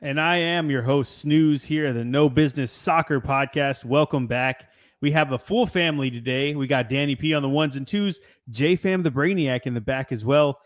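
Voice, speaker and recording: A young man hosting a soccer podcast in a relaxed, rambling casual chat who laughs easily. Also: medium pitch, normal speed. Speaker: podcast host.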